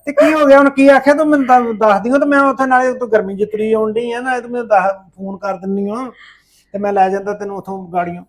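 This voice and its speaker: A man's voice: high voice, level tone. An actor with a Punjabi accent playing a concerned father who keeps questioning his tearful daughter. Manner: quick, probing questions.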